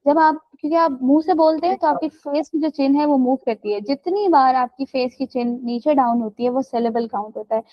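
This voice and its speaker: High-voiced woman teaching on a call. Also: fairly quick, few pauses, no room sound, muffled recording. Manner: explains step by step, checks understanding with "right?" and "theek hai". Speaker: English teacher. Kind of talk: online class teaching.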